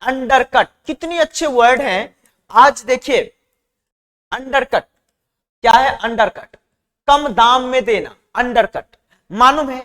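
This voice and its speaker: A man teaching exam-prep vocabulary, repeating words back in a call-and-response drill and chatting warmly with his students. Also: very high-pitched, slow pace, pauses often, in a large hall.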